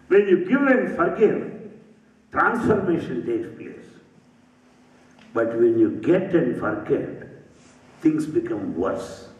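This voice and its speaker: A man giving a spiritual talk in a temple, speaking slowly and rhythmically with repeated phrases and humorous asides. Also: a little high. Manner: slow, rhythmic, with repeated phrases and rising and falling emphasis; humorous asides that draw laughter. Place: temple hall. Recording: roomy, distant, dull hall recording.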